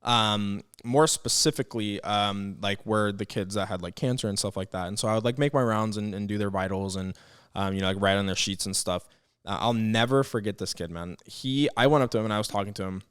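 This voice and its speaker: A man's voice: on the low side, fairly even intonation, a little fast, smooth, no room sound, clean studio sound. A young man co-hosting a podcast, telling a story in a reflective, hesitant way with many fillers. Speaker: podcast co-host. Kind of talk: casual podcast chat.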